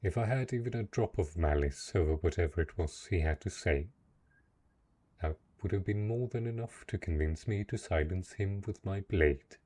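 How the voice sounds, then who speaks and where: A brooding, jealous dark knight, lonely and possessive, comes to life through a man's low, husky voice in a fantasy romance roleplay. His formal lines come out hesitant and earnest at a moderate pace.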